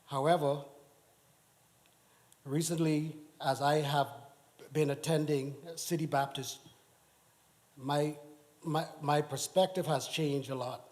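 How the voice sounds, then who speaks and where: A middle-aged man from the Bahamas giving a personal testimony in church, speaking haltingly with many restarts. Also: on the high side, steady tone, a little mellow. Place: church sanctuary.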